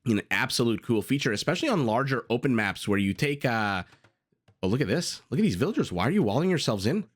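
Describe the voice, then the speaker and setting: Here a male game caster with a raspy, mid-range voice speaks fast over a strategy game match. Asides and exclamations fill his excitable, chatty commentary, captured on a desktop USB condenser mic.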